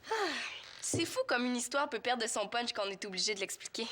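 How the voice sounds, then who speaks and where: An actress with a Quebec French accent playing a sensible teenage girl who teases and answers back quickly. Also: on the high side, a bit bright, natural voice. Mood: reasoning. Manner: teasing, quick retorts. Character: sensible, sharp-tongued teen girl. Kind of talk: TV series acting.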